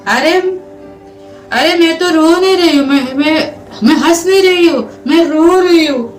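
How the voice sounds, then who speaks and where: A woman's voice: high-pitched, measured pace. A woman voicing a young bride who giggles through everything she says. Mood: giggly. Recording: roomy, distant mic, faint music.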